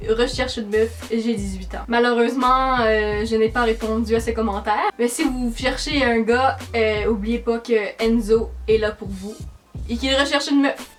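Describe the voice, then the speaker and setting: A high-voiced teenage girl with a strong Québécois French accent talks chattily to her camera. She answers comments in a dry, sarcastic way. Faint music plays softly behind her. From Quebec, Canada. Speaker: YouTuber. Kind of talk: casual vlog, reading comments aloud.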